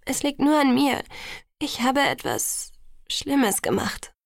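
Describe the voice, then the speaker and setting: A woman's voice: high-pitched, big pitch swings, takes it slowly, creaky, dry recording, clean studio sound, voice pushed up, heavily acted. A woman voicing an anxious, guilt-ridden young woman in an audiobook, defensive and self-reproaching.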